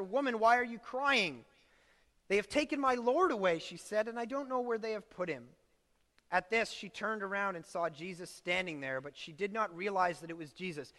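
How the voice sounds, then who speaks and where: A man's voice: sits high, bright, forceful tone, long reverb tail. A man giving an informal sermon, reading Bible verses and breaking into chatty asides with acted-out quotes. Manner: conversational, asides and restarts, acts out quotes. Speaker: preacher.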